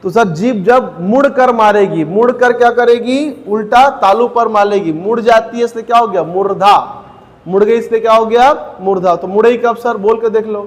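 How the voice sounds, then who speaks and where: A man with a high voice teaching an exam-prep grammar class. He asks the students questions, answers them himself and says each sound slowly, one by one. The room gives his voice a long, lingering reverb.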